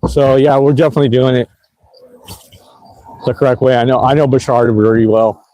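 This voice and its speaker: A man's voice: mid-range voice, fairly even intonation, brisk, mellow, no room sound, rough recording. A man, casually narrating a livestream while riding an e-bike through city streets at night, rambling with lots of fillers. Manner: rambling, laid-back, lots of fillers and laughs. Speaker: e-bike vlogger.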